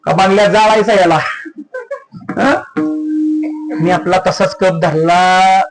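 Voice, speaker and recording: A man's voice: steady tone, slow, over music, low-quality recording. A man preaching a devotional kirtan sermon, telling stories and repeatedly questioning the crowd with rising, emphatic cries. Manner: repetitive call-and-response questioning of the audience, rising to high emphatic cries. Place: live village festival gathering.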